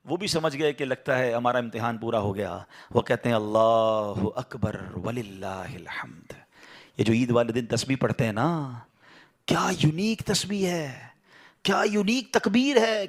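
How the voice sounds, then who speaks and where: A man's voice: on the high side, fairly bright tone. A male preacher telling a story in a sermon, emotional and full of rhetorical questions and exclamations.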